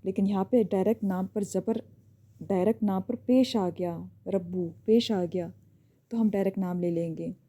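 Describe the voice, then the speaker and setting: A woman teaching an online lesson, explaining step by step and checking in often with a quick "okay". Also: medium pitch, steady tone, mellow.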